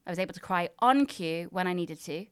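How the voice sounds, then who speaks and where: A woman's voice: lowish voice, a little fast, clear, resonant tone, no room sound, clean studio sound. A young woman co-hosting an improvised comedy chat in character, talking with theatrical, self-important showbiz boasting. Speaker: co-host.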